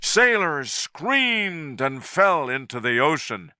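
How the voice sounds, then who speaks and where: A man narrating a story at a very slow, deliberate pace for English learners. His voice is bright and lively in pitch, recorded dry and close. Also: no room sound. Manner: clear, deliberate reading.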